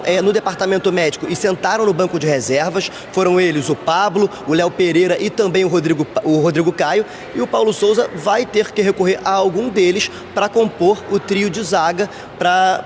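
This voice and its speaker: Rio reporter live from outdoors. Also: male voice, high voice, long reverb tail, a little hiss or hum. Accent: Brazilian Portuguese, Rio de Janeiro. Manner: steady, informative delivery. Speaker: field reporter. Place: outdoors near training ground.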